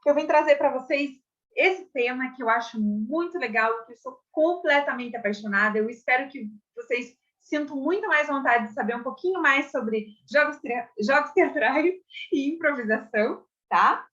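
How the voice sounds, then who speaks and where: A young adult Brazilian woman teaching a casual theater lesson, chatty and expressive, often checking in with her listeners. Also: sits high, moderate pace. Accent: Brazilian Portuguese. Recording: slightly dull lo-fi audio.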